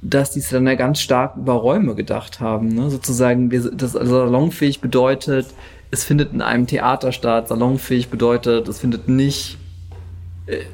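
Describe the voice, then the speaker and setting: A man speaks in a flat, even tone with a gravelly, creaky texture. He offers thoughts tentatively and reflectively, in a relaxed interview setting. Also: medium pitch, normal speed. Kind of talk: conversational interview.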